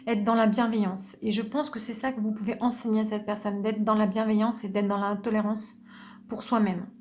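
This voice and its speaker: A woman giving an unscripted tarot reading, speaking gently and hesitantly, with many restarts. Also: medium pitch, little pitch movement, brisk, slight background noise. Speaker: tarot reader.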